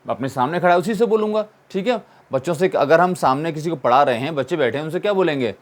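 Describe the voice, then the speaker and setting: Man, grammar teacher, classroom-style explanation, fairly high voice, asks and answers his own questions, repeats key points. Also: expressive, fast.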